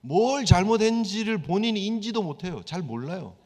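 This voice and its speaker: Male pastor, higher voice, chatty sermon style, long church reverb. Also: animated, brisk, darkish tone. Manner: conversational preaching with everyday examples and rhetorical questions. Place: church sanctuary.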